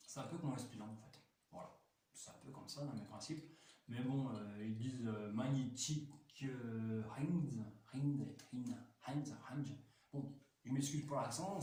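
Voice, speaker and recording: A man's voice: medium pitch, a little mellow. A talkative man rambles through a toy review, full of hesitations and restarts. His voice bounces around a very echoey room, picked up from a distance with a faint hiss underneath. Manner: chatty, full of fillers and restarts, enthusiastic.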